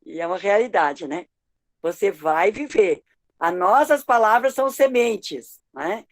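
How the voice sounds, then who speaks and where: A woman pastor reflecting in a devotional group discussion. She talks slowly and often repeats her words. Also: mid-range voice, lively intonation.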